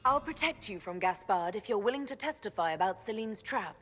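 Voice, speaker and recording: A woman's voice: mid-range voice, lively intonation, brisk, a bit bright, slightly rough, faint music behind. A woman playing a composed, authoritative female inquisitor in a video game, questioning and commanding, with long reverb on the voice. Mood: composed, firm. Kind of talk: video game dialogue acting.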